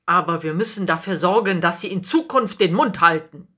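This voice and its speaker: A woman voicing stern, indignant temple priests in a storybook reading, speaking in a raised, higher voice. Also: lively intonation, normal speed, sharp tone, breathy edge, full character voice. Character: stern angry temple priests, older men.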